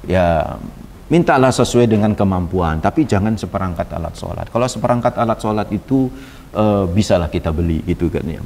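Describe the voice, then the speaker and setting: A man's voice: sits low, lively intonation, fairly quick, creaky, a little mellow, a little hiss or hum. A man giving a sermon, telling a story animatedly and acting out its dialogue with chatty asides. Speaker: religious teacher. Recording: reverberant hall sound.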